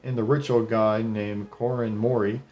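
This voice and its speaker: A man with a fairly low, level voice narrates a casual, scripted anime retrospective over clips as its host, reviewer and video maker, at normal speed. His delivery is irreverent and sarcastic with profane asides. The recording sounds muffled, with faint music behind him.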